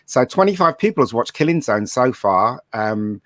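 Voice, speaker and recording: A man's voice: mid-range voice, sing-song, normal speed, a bit bright, no echo. Filmmaker guy with a dry close sound. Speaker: guest filmmaker. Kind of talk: casual panel chat.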